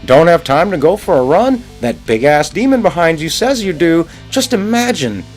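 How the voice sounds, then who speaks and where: A man putting on the voice of a loud, pushy male infomercial pitchman, with booming hard-sell patter over guitar music. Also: very animated, normal speed.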